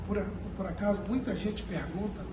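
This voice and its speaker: A high-voiced man answers an interviewer earnestly, stopping to repeat words as he finds his point. He was recorded from a distance in an echoey room with clear background noise. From Brazil, Amazonas. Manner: earnest, deliberate, repeats words while searching. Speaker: company director, interviewee.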